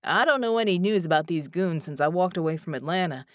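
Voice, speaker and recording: Woman reading as a chill slangy stone giant dude, relaxed talk, dry close mic. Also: lowish voice, fast talker, no echo, close to an everyday voice. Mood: easygoing. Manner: casual, slangy, easygoing. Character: friendly male stone giant, laid-back, slangy. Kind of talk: audiobook character voice.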